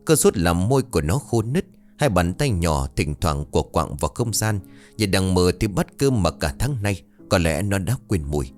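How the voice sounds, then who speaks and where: A man narrating a scripted ghost story in a dramatic, expressive way. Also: low-pitched, moderate pace, faint music behind.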